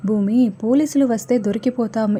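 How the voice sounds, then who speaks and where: A woman reading the lines of an impatient young husband who shouts orders while on the run. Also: on the high side, a little fast, natural voice.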